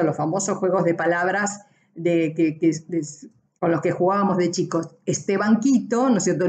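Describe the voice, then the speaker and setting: A university lecturer delivers a recorded class, explaining things patiently, often adding tag questions and correcting herself. She has a fairly low, mellow voice.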